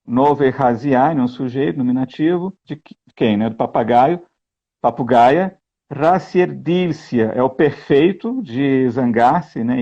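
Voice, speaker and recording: A man explaining grammar and translation in a lesson, slow and explanatory, often checking in with "né?". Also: medium pitch, mellow, muffled recording. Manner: slow, explanatory, keeps asking "né?". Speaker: guest reading and translating a text.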